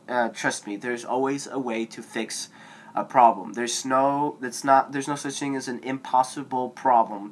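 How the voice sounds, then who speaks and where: A man's voice: mid-range voice, a bit bright, a little hiss or hum. A teenage boy vlogging casual advice to a phone camera, rambling and digressive with lots of fillers, his voice cracking now and then.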